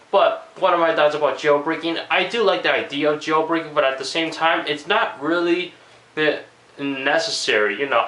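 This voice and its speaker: A man's voice: medium pitch, bright, forceful tone, reverberant, poor audio. A man with a cold and a cracking voice, rambling casually through a video commentary with lots of fillers. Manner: rambling, many fillers and restarts. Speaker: tech vlogger.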